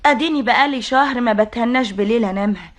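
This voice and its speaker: Actress as a grumpy Egyptian matron, high voice, fast talking, scolding, old comedy film. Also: female voice, lightly acted. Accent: Egyptian Arabic. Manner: scolding, grumbling, quick to curse. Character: irritable nerve-worn Egyptian matron, scolding her maid. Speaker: lady of the house.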